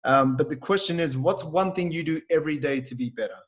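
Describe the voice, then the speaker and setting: A man hosting a podcast as a fitness coach, talking in a relaxed, rambling way with lots of fillers. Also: on the high side, brisk. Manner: relaxed, rambling, heavy on fillers like "like" and "you know". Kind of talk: casual podcast chat.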